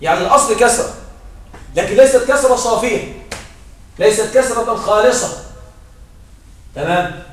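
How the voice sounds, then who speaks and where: A man teaches a grammar class in a high voice, explaining each point patiently and repeating it. He keeps checking that a student is following. His voice reaches the mic from across a strongly echoing room. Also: expressive, moderate pace, long pauses, fairly bright tone, slight background noise. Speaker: Arabic morphology teacher. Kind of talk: classroom lesson. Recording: very echoey room, voice heard from far off.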